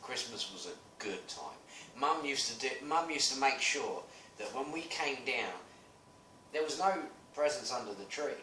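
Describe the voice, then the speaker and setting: A British man in his thirties talks through a casual podcast chat, animated and swearing freely. His voice sits at an everyday middle pitch. It is picked up from a distance in an echoey room with a faint hiss underneath. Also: unhurried. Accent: British English. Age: 30s. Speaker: podcast co-host.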